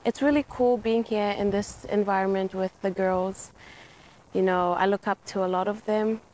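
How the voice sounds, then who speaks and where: Mellow, even-voiced young woman athlete. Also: medium pitch, normal speed, poor audio. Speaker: rugby player. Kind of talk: casual interview answer.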